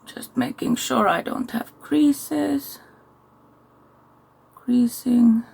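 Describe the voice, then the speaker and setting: Tired, gravelly-voiced woman. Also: on the high side, drawn-out words. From Finland. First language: Finnish. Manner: chatty, thinks aloud while working, soft asides. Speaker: makeup vlogger. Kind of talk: casual makeup tutorial talk.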